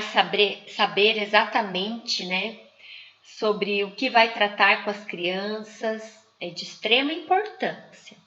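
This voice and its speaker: A woman teaches from slides at an unhurried pace, drawing out each example word. Her voice is bright and sits a little high. The recording is muffled and carries a roomy echo. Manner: slow, didactic, stretching out example words. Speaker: teacher trainer. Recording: muffled, echoey room.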